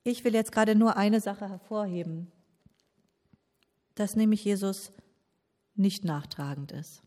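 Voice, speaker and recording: A woman's voice: medium pitch, measured pace, darkish tone. Woman preaching to young people. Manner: personal, addresses listeners directly.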